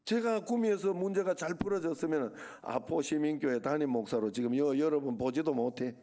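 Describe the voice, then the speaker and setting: A man's voice: a little high, fairly quick, mellow. A middle-aged male pastor with a Gyeongsang accent, preaching a Sunday sermon in a conversational way, full of rhetorical questions and asides. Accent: Gyeongsang Korean.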